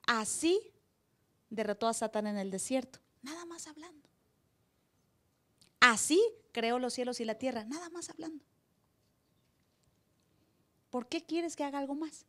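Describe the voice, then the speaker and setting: A woman pastor preaching a sermon live in church, acting out voices with sudden loud cries. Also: sits high, lively intonation, unhurried, pauses often.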